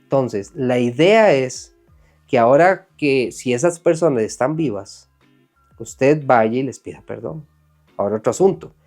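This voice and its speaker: Guy preaching a sermon, earnest and lively, does little voices for ppl he quotes, quiet guitar behind. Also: mid-range voice, measured pace. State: sweating from emotion.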